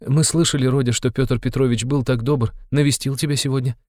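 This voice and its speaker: A man's voice: medium pitch, fairly quick, warm tone, no echo, studio quality, pitched above the performer's own voice, natural voice. Field: a man voicing a frightened old mother. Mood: pleading, fearful. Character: anxious tearful elderly mother, timid and pleading. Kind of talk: audiobook character voice.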